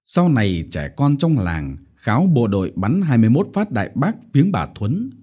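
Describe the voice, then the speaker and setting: A man narrating a short story as an audiobook in a measured storytelling manner. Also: medium pitch, very animated, warm tone, breathy edge.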